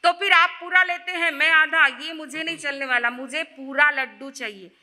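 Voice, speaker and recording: A woman's voice: high-pitched, steady tone, moderate pace, bright, forceful tone, big-room sound. A woman voicing a small, stubborn boy who insists and whines during a spoken sermon story. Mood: stubborn whining. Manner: whiny, insistent. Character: small stubborn boy demanding a whole sweet.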